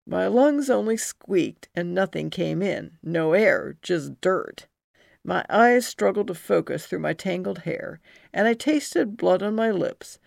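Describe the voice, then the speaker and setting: Middle-aged woman, memoir reader: heavy vocal fry, lively low voice, unhurried, dry close sound. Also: dry recording. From New Jersey. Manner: slow and expressive, swinging into high bursts for remembered feelings. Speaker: memoir narrator. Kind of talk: first-person memoir reading.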